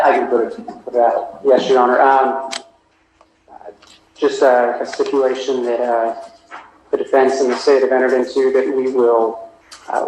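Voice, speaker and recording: Male prosecutor, American accent, flat intonation, halting formal delivery, echoey courtroom, faint noise. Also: mid-range voice. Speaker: prosecuting attorney. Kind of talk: formal address to a judge.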